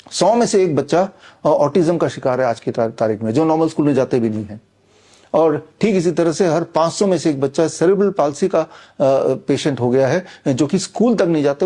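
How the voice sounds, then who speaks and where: Insistent middle-aged man with a mellow voice. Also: on the high side. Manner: insistent, combative, many "uh" fillers. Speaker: author promoting his books and a training program. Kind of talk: persuasive direct-to-camera monologue.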